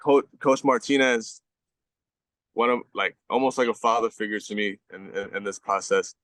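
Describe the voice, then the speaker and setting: A man's voice: on the low side, moderate pace, fairly bright tone, no room sound. A man in his twenties, a guest on a podcast, telling stories in casual, slangy speech full of fillers and swearing. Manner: slangy, profane storytelling with many fillers. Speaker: guest, baseball pitcher.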